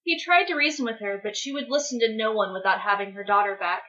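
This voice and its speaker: A woman storyteller narrating a dramatic story reading in an expressive, measured way. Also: on the high side, lo-fi sound.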